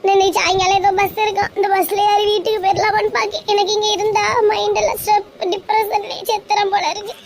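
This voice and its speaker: A woman's voice: extremely high pitch, level tone, fast talker, hardly any pauses. Woman playing a weepy, fretting young woman. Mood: upset. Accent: Kanyakumari Tamil. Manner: tearful, fretting.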